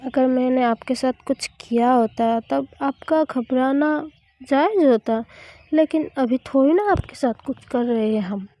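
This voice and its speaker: A woman's voice: high-pitched, unhurried, mellow. A woman voicing a playful young college woman who teases her girlfriend. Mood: teasing. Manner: teasing, playful.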